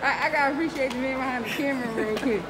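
A woman's voice: high-pitched, rapid-fire, noisy background. A woman vlogging while shopping in a busy indoor mall, teasing and playful. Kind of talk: casual chat while shopping. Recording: loud crowd and music of a mall. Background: crowd chatter and music.

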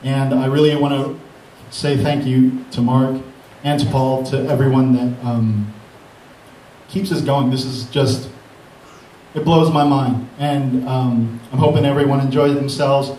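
A man's voice: medium pitch, fairly even intonation, unhurried, warm tone, slight background noise. A man, a beat producer, giving a rambling, grateful and self-deprecating speech on a mic at a live event. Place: event hall with an audience. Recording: echoey hall mic from far off.

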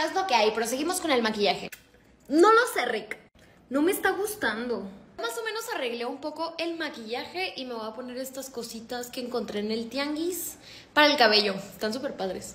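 A woman's voice: high voice, a bit bright. A young Mexican woman chatting in slangy, casual vlog style while doing her makeup. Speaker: vlogger. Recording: echoey room.

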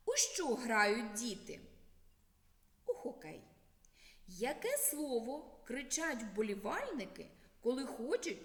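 A woman teaching a children's literacy lesson in a slow, expressive, sing-song teacher voice. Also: sits high. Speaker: primary school teacher. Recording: echoey room with long reverb.

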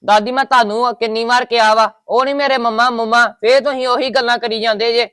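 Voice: medium pitch, fairly even intonation, fast talker, a bit bright, no room sound, studio quality. A young speaker playing a defiant grandson who argues back sulkily in a family web drama. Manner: sulky and defiant.

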